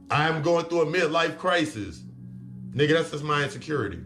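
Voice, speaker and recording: A man's voice: fairly high pitch, a bit bright. A man giving a blunt, profane self-help talk as a spiritual coach, repeating his points for emphasis. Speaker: spiritual reader and life coach. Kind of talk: motivational self-help monologue.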